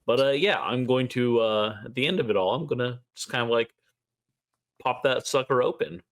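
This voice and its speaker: A man's voice: medium pitch, normal speed. A man chatting casually as a player in a tabletop role-playing game, improvising what his character does.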